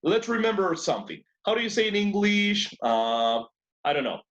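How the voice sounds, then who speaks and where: A man's voice: high voice, big pitch swings, unhurried, a bit bright, dull audio. A man teaching an English class in two languages, who repeats words and keeps praising his students. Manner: switches between two languages to explain.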